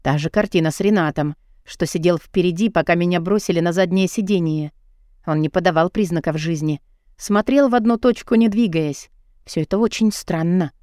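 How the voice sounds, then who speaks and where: A woman's voice: lowish voice, moderate pace, a little mellow, no echo. Female audiobook reader, emotional first-person delivery, dry close mic. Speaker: audiobook narrator.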